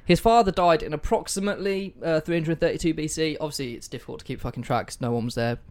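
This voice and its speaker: A man with a fairly high-pitched voice speaks quickly as he hosts an informal history podcast at home, pets nearby and food on the table. Self-mocking jokes and casual swearing pop up now and then, all captured on a low-quality mic.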